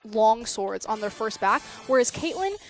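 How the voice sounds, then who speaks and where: A woman's voice: fairly high pitch, lively intonation, normal speed, soft background music. A woman giving esports analysis as a caster, chatty, often acting out players with mock quotes.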